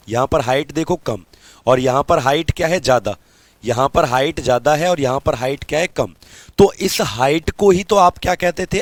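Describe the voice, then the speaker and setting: Man, physics teacher, live online class, asks and answers himself, dictates slowly, dry close sound. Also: fairly high pitch, no room sound. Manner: repeats questions and answers them himself, calls students beta; slows down to dictate notes.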